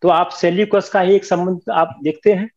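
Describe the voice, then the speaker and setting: A man's voice: high voice, fairly even intonation, normal speed, darkish tone. An older man teaching a history class, firm and scolding, switching between Hindi and English. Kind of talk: classroom lecture. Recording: dull lo-fi classroom recording.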